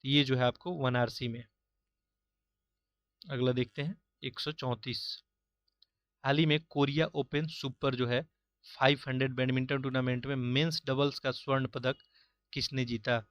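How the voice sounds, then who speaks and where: A man working through mock-test questions as an exam-prep teacher, reading each question and its options, then giving the answer in a steady, explanatory way. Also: medium pitch, normal speed, pauses often, no room sound. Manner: steady, explanatory, repeats filler "jo hai".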